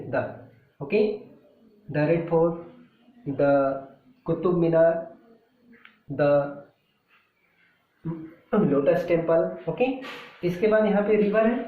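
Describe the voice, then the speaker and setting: A man teaches grammar at a slow, patient pace, stopping often to ask whether his students follow. His voice comes through thin and phone-like. The room around him is echoey. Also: a little high. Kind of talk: grammar lesson in Hindi and English.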